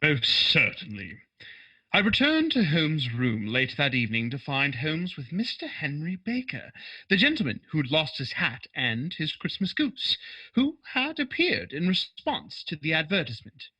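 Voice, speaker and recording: A man's voice: a little high, huge pitch swings, a little slow, sharp tone, breathy edge, exaggerated voice, poor audio. A man playing an earnest, slightly dim doctor sidekick who also narrates a radio play politely.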